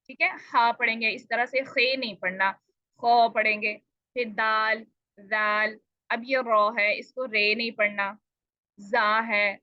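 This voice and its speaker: ऊँची आवाज़ वाली महिला शिक्षिका, सूखी धीमी recording. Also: female voice, on the high side, bright, forceful tone, no room sound, muffled recording. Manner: explanatory, asks and answers own questions. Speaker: Quran recitation teacher. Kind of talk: online tajweed lesson.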